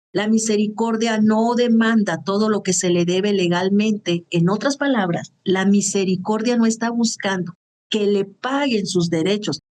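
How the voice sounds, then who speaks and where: A woman's voice: medium pitch, darkish tone. A woman teaching the Bible in an earnest, conversational way, often checking in with her listeners. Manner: earnest, conversational, with frequent "¿sí?" and "¿verdad?" check-ins.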